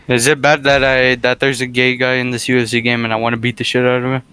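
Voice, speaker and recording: A man chiming in with loud, joking remarks from away from the microphone. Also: mid-range voice, flat delivery, fast, clean tone. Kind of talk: casual banter from off-mic. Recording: off-mic, faint music.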